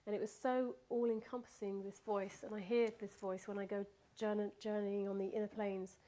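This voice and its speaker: A woman's voice: mid-range voice, little pitch movement, normal speed, warm tone. A woman recounting a personal experience in casual spoken storytelling, laughing often and restarting her sentences.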